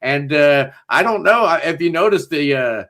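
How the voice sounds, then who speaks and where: A man's voice: fairly high pitch, animated, normal speed, fairly bright tone. A man hosting a casual podcast panel, talking enthusiastically and jokily with lots of fillers. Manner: enthusiastic, jokey, loose with fillers. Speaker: podcast host.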